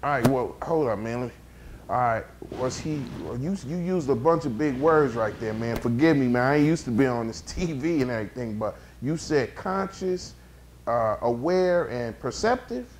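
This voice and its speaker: A man's voice: medium pitch, lively intonation, moderate pace, a little mellow, slight background noise, natural voice. A man playing a laid-back, slangy young neighbor in a comedy sketch interview. He rambles and stumbles over his words.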